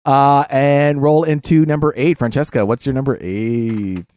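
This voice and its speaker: A man's voice: medium pitch, steady tone, a little slow, darkish tone. A man hosting a podcast in casual chat, steering the rundown in an upbeat way. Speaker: podcast host.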